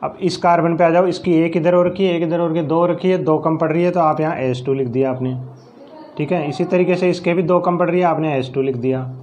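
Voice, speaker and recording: A male science teacher with a fairly high voice and a Rajasthani Hindi accent, teaching a chemistry lesson step by step. He counts aloud and poses his own questions before answering them. A faint hiss sits under the recording. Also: steady tone, brisk, darkish tone.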